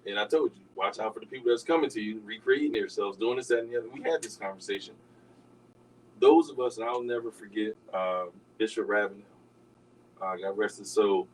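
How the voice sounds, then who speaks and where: An older man hosting a radio talk show, telling stories in a raspy, easygoing way. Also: lowish voice, a little fast, recorded from a distance, a little hiss or hum, rough recording.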